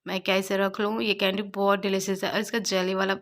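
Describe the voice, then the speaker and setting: A woman doing a bubbly young man, whiny, coaxing, childlike, pitched high. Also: little pitch movement, fairly quick, lightly acted. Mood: pleading. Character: bubbly pleading young man, sweet and pushy.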